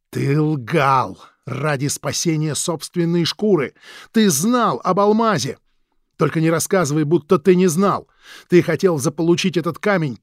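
A man voicing a bitter, vengeful old man who talks loudly and slowly as he accuses. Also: mid-range voice, gravelly, husky, no room sound, studio quality. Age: older.

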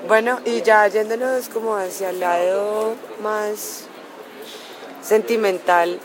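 A woman's voice: medium pitch, fairly even intonation, slow. Hesitant woman interviewer, noisy crowd. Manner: hesitant, filler-heavy, joking. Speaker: radio interviewer. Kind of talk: casual interview questions. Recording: loud crowd noise outdoors.

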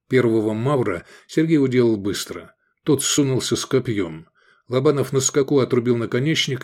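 Man narrating an action audiobook. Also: mid-range voice. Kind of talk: scripted narration of an action novel.

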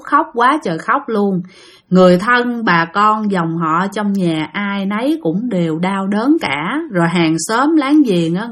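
A woman's voice: mid-range voice, fairly bright tone. Chatty Southern Vietnamese woman storyteller. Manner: chatty, addresses listeners directly. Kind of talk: spooky storytelling narration.

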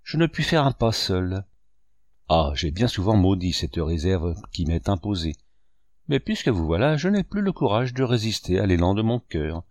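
A man's voice: sits low, sing-song, moderate pace, a little mellow, no echo, studio quality. A man reading a novel aloud, voicing a young woman who is anxious and pleading with emotion.

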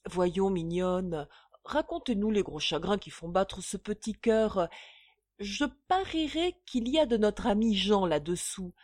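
A greedy, bullying bourgeois father blusters slowly and loudly, as a woman reading a storybook voices him. The husky voice sits close and dry on the mic, and it keeps a heavy, deliberate pace. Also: medium pitch, expressive, dry recording. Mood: coaxing. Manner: blustering, loud outbursts. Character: greedy bullying bourgeois father, hot-tempered older man.

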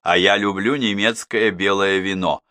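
A man's voice: sits low, steady tone, moderate pace, pushed and bright, dry recording. A man voicing a timid, plaintive old aunt who keeps asking to try the wine. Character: meek old aunt, the younger sister.

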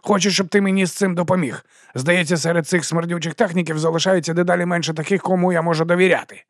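A man's voice: high-pitched, fairly even intonation, fast, no room sound, studio quality, pitched above the performer's own voice, close to an everyday voice. A man voicing a furious, bossy middle-aged department head who barks and sneers. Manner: barking, sneering, shouting.

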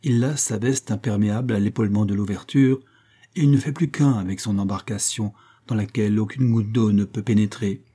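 Dark, husky male audiobook narrator. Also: on the low side, brisk. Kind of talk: scripted narration.

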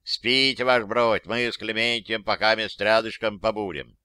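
A man's voice: on the low side, steady tone, normal speed, sharp tone, clear, resonant tone, dry recording. A man voicing the ghost of a plain-spoken old-time soldier, rustic and deferential in his speech. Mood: eager, deferential. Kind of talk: audiobook character voice.

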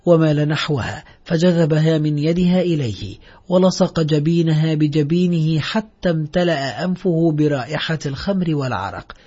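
A man narrating a literary novel in a measured, solemn reading. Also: a little high, warm tone, husky. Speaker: audiobook narrator. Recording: dull lo-fi audio.

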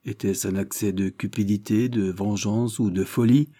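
A man narrating a historical adventure novel as an audiobook, measured and dramatic. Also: on the low side, steady tone, warm tone. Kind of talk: scripted narration.

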